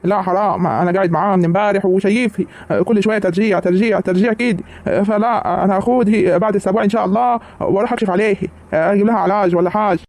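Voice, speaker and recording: A man's voice: sits high, fairly even intonation, rapid-fire, a little mellow. A man with an Egyptian accent voicing a practical middle-aged village husband in a cartoon comedy, plain and matter-of-fact. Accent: Egyptian Arabic. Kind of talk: animated cartoon acting.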